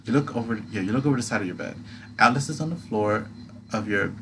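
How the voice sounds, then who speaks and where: A man's voice: lowish voice, fast, pushed and bright. A man reading a game's second-person story aloud as narrator, with dramatic delivery. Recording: clear background noise.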